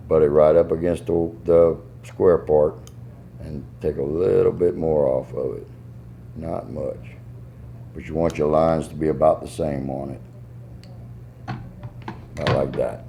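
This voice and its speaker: A man's voice: a bass voice, gravelly, mellow, slight background noise. A man with a Southern US accent giving a casual hands-on tutorial in a folksy, step-by-step way. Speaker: goose call maker giving a tuning demonstration.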